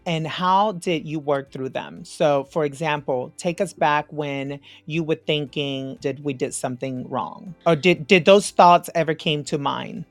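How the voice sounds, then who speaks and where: Woman podcast host, low voice, measured questions, dry close sound. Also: no room sound, soft background music. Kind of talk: interview questions.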